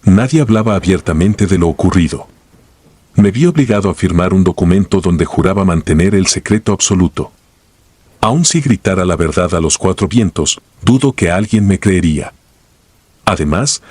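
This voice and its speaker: A man narrating a first-person horror story in a grave, steady scripted delivery. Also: low-pitched, husky, no echo.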